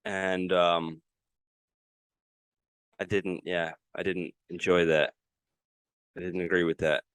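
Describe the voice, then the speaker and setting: Smooth low-voiced podcast man. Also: flat delivery, takes it slowly, a bit bright, no room sound. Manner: rambling storyteller, wry and sarcastic. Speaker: podcast co-host. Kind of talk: casual chat.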